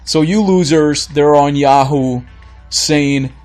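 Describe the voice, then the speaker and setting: Losing his voice, a Florida podcast host goes on a blunt, exasperated solo rant on his own show. He speaks slowly in a fairly high, somewhat mellow voice as faint music plays behind him.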